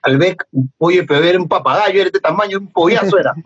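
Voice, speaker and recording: Middle-aged Peruvian man, husky, animated storyteller with a lively, laughing delivery; dull lo-fi podcast audio. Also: sits high, quick pace. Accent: Peruvian Spanish. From Peru. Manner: animated, laughs often, acts out remembered dialogue. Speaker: guest, former footballer. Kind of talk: casual storytelling interview.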